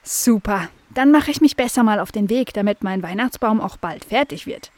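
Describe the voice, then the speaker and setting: A woman's voice: mid-range voice, animated, normal speed, dry recording, lightly acted. A woman voicing a curious, cheerful young female dog in a children's audio story, talking eagerly.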